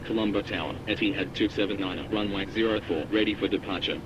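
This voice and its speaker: A man's voice: on the low side, fairly even intonation, fast, noisy background. A man speaking as an airline pilot over a cockpit headset radio, giving clipped radio readbacks. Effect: pilot radio heard through a cockpit headset. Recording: muffled radio channel.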